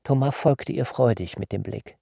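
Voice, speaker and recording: Gravelly, measured male narrator. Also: mid-range voice, no echo. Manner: measured, calm storytelling. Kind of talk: literary radio narration.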